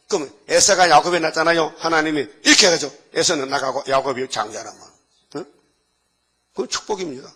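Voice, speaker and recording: Animated Korean preacher, fairly high voice. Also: male voice, slightly rough. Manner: animated storytelling, acting out biblical characters in dialogue; conversational, asks the congregation questions. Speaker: pastor. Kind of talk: dawn worship sermon.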